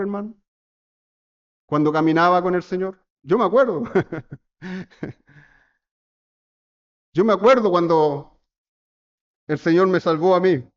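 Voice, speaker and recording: Male preacher, high and resonant, earnest questioning sermon, muffled church recording. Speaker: presbyter preaching.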